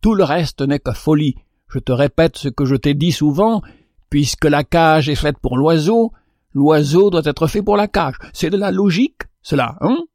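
A man's voice: a little high, moderate pace, darkish tone, no echo, clean studio sound, lightly acted. A man reading a storybook, voicing a smug, sleepy male canary who mocks his companion. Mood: lecturing. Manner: mocking, condescending.

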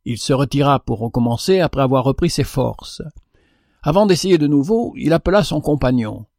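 Expressive man reading a fable. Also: medium pitch, moderate pace, creaky, dry recording, studio quality. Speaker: narrator. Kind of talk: storybook narration.

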